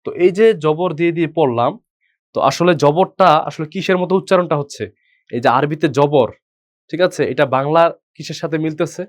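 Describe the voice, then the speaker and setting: A man teaching an online Quran reading class, slowly drilling Arabic letter sounds and asking the students questions. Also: on the high side. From Bangladesh.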